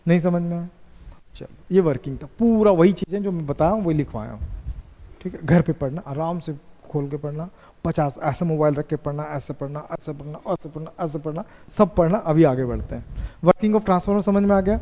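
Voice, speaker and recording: A man teaching physics in a classroom, asking students questions and dictating notes slowly. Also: a little high, dark tone. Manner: slow dictation. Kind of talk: classroom lecture. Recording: echoey classroom reverb.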